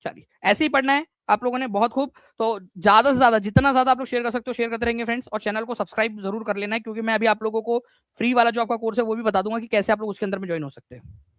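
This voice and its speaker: Quizzing his pupils during a live online exam-prep class, a male teacher sounds energetic and repetitive, sprinkling in English words. He's very high-pitched and rapid-fire, with no echo.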